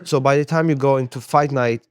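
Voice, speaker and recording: The speaker is a young man from Poland, a sports therapist and MMA coach, relaxed and casual as an interview guest, repeating words as he gathers his thoughts. He has a medium-pitched voice and a fairly quick pace.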